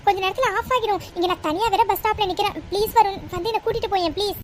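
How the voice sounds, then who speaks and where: A woman's voice: extremely high pitch, racing, a little hiss or hum. A woman voicing an anxious young woman stranded at a bus stop, pleading for help in a cartoon. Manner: pleading, worried. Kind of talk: cartoon voice acting.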